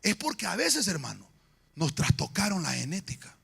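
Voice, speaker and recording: A pastor preaching a sermon in a church, swinging between shouts and quiet murmurs. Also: male voice, high-pitched, huge pitch swings, moderate pace, creaky, slightly rough. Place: church sanctuary. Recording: long church hall reverb.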